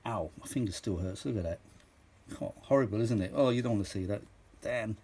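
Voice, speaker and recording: Speaking briskly in a low-leaning, mellow voice with a slight roughness, an older or middle-aged man presents a piece of vintage audio gear. It's casual, unscripted show-and-tell, full of rambling, exclamations and repetition for emphasis.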